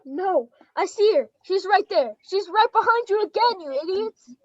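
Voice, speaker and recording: A woman's voice: extremely high pitch, expressive, moderate pace, dry recording, muffled recording. A woman playing a panicky heckler who exclaims frantic warnings in a comic school stage play. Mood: exasperated. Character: loud, panicky heckler warning storybook children of danger.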